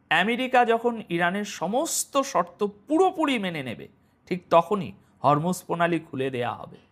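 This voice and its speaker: Animated male news commentator. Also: sits high. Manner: animated, rhetorical questions to the audience. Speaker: news presenter. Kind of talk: news commentary addressing viewers.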